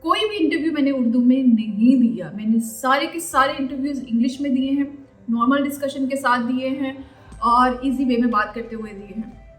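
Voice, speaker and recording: A woman's voice: high voice, normal speed. A woman vlogger giving job-hunting advice in a chatty, explaining way, dropping English phrases into her talk. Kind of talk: casual advice vlog. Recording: roomy echo, faint background music.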